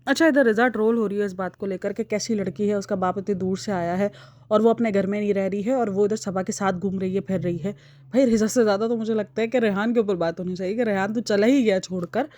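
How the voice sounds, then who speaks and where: A woman's voice: mid-range voice, fast talker, no room sound. A young woman talking casually and with strong opinions as she comments on online vlogs. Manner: opinionated, chatty, animated. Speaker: vlog commentator.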